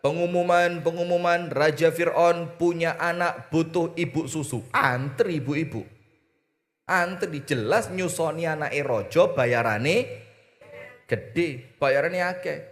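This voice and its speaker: Speaking slowly in a slightly high voice, a man with an East Javanese accent gives a funny sermon in which he teases the audience and imitates voices. The hall is reverberant.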